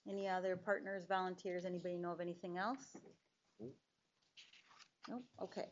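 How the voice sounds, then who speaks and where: A woman's voice: on the low side, flat delivery, moderate pace. A woman chairing a public board meeting, moving through agenda items in an informal, friendly and slightly hesitant way. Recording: muffled meeting recording.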